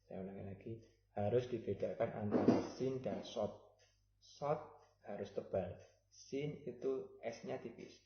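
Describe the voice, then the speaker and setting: A man teaching Quran recitation, explaining patiently and chanting example verses slowly. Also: fairly low pitch, noisy background. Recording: roomy, slightly dull recording.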